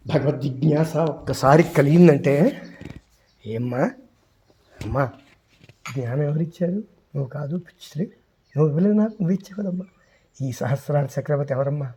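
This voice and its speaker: A man praying aloud with deep devotion, pleading and fervent, chanting verses and shifting between soft murmurs and loud cries. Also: moderate pace, long pauses, slight background noise. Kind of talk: emotional devotional prayer.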